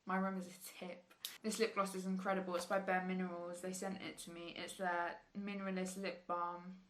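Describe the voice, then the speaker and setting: A woman's voice: on the low side, level tone, moderate pace, a little hiss or hum. A teenage girl chatting casually in a rambling sit-down vlog from her bedroom. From England. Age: teens. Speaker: YouTuber.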